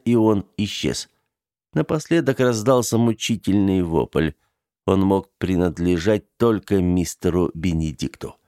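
A man reading a horror story aloud in a measured, grave way. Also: on the low side, a little mellow, no room sound, clean studio sound. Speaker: narrator. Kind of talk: scripted horror narration.

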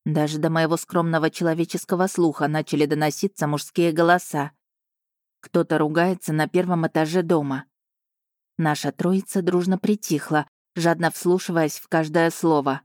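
A woman reading a first-person story aloud, measured and steady. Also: deep voice, no room sound, clean studio sound. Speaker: audiobook narrator. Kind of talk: scripted first-person narration.

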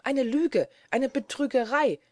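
A reader voicing a defiant Frenchwoman in court who speaks in a sharp, clear, hissing voice. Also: medium pitch, steady tone, a little slow, dry recording, clean studio sound. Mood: indignant.

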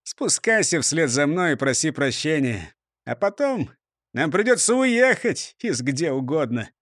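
A man's voice: a little high, big pitch swings, measured pace, fairly bright tone, dry recording, studio quality, exaggerated voice. A man voicing a stern, sensible fire chief in a storybook reading, scolding and matter-of-fact.

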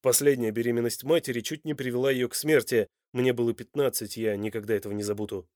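Brief: male narrator doing a loud, sharp-tongued young man, audiobook, middle pitch. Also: steady tone, fast, no room sound, clean studio sound, natural voice. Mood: angry. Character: young man, hot-tempered, protective son.

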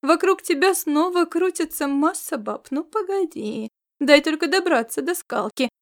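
A woman's voice: high-pitched, normal speed, voice pushed up. A woman voicing a breezy, self-assured young woman who teases and scolds in a sing-song way. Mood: playful.

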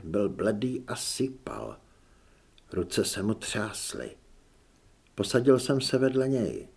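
Male audiobook narrator, lively delivery. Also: medium pitch, vocal fry, husky. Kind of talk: scripted narration.

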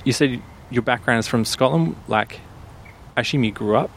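A man from Perth hosting a podcast, asking relaxed, rambling questions in casual chat. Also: medium pitch, normal speed, slight background noise. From Perth, Australia. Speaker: podcast host.

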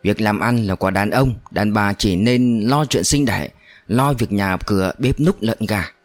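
A man's voice: fairly low pitch, measured pace, dry recording, faint music behind, close to an everyday voice. A blunt, domineering husband in a storybook reading, speaking curtly and dismissively, as a male narrator voices him. The sound is dry.

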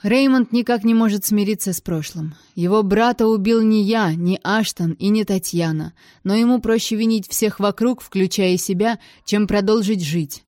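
A woman reading an audiobook, voicing a smooth-talking middle-aged male casino owner who is genial and flattering. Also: mid-range voice, normal speed, few pauses, no room sound, studio quality, close to an everyday voice.

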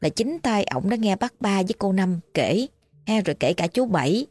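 A woman's voice: medium pitch, expressive, moderate pace, darkish tone, no echo, soft background music. A woman with a Southern Vietnamese accent telling a ghost story in a chatty, folksy way, full of fillers.

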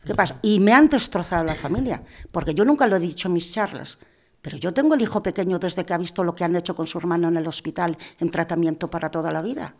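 A woman's voice: on the low side, fast talker. A middle-aged woman, the mother of a prisoner who died, giving an indignant, emotional testimony in a talk show and acting out what was said to her. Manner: indignant, rising to anguished outbursts, acts out dialogue.

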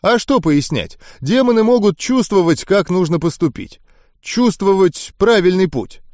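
A man's voice: sits high, expressive, measured pace, a little mellow, no room sound, voice pushed up. Guy doing cocky young hero talking back, wry, dry close mic. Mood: wry defiant. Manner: wry, defiant. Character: cocky young man, prince reborn in teen body. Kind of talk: audiobook character reading.

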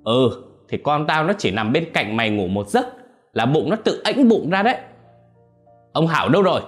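A furious old father bellows his rage, as a man puts him on, his voice pushed high and strained as he rails at the young man. His words rise and fall in lively, jagged swings, with soft music in the background. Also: moderate pace. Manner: roaring, scolding, high and strained.

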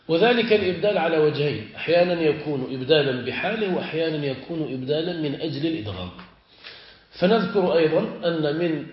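A sheikh with a somewhat high voice teaches a classical grammar lesson. He draws out each example word and keeps checking that his listeners follow. The recording is echoey and dull, like an old lo-fi tape of a lecture hall. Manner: asks students checking questions, stretches example words slowly. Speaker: sheikh teaching Arabic morphology.

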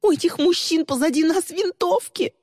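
A man's voice: moderate pace, a little mellow, big-room sound. A man voicing a frightened young woman who cries out in panic and breaks into tears. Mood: panicked. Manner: high-pitched, panicked cries.

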